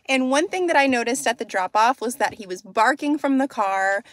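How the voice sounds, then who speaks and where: In a casual instructional vlog, a calm, upbeat woman dog trainer talks first inside a parked car and then outdoors on a street. She holds a phone camera at arm's length, and her voice is fairly high at a normal speed with no echo, though car and street ambience make the recording noisy.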